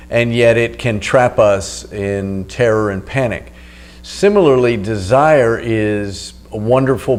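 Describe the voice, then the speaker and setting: A man giving spoken meditation instruction as the teacher, in an unhurried, instructional way with pauses. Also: mid-range voice, a little mellow. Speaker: meditation teacher and video host. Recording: noticeable background hum.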